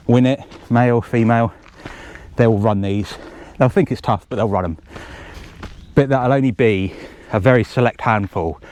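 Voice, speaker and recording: Running along a forest trail, the man organising the race keeps up a breathless, casual commentary, wandering off into jokey asides. He has a low, darkish voice, and there's slight background noise.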